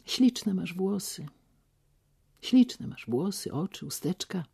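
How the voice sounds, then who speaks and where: A woman voicing a deaf older gentleman who talks loudly and insistently, with a dry, teasing manner. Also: lowish voice, very animated, takes it slowly, gravelly, slightly rough, full character voice.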